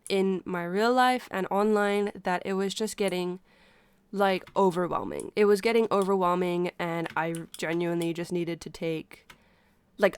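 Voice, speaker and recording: A woman sick with a stuffy nose chats casually to her livestream, speaking haltingly and pausing to breathe through her mouth. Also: medium pitch, clean tone, dry recording. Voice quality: congested, stuffy-nosed. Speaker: livestreamer talking to viewers. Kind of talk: casual unscripted chat.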